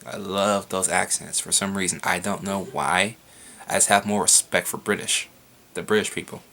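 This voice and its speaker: A young man rambles through viewer questions in a casual home vlog. His voice sits low with a gravelly edge but a bright, forward tone, and he swears freely. A faint hiss hangs behind the camera mic. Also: little pitch movement, moderate pace. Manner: rambling, frequent swearing, laughs. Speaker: vlogger answering viewer questions.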